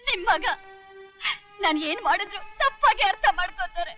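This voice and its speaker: An actress playing a young wife who is wrongly accused, pleading and emotional in a melodramatic film scene. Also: female voice, animated, normal speed, fairly bright tone. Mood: tearful. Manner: pleading, tearful, high-strung. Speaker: film character. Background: film score music.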